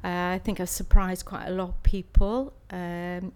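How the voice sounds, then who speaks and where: A woman's voice: on the low side, steady tone, measured pace, darkish tone, clear, resonant tone. A woman, answering interview questions conversationally and somewhat hesitantly. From Swansea, South Wales. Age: 60s. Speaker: interviewee, art student and practising artist.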